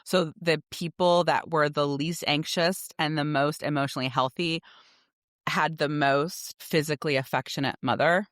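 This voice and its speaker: A middle-aged woman co-hosts a podcast, chatting casually about everyday life and sharing personal anecdotes, often acting out the dialogue in them. Her voice is low, her tone steady and her pace moderate. The studio-quality recording has no room sound.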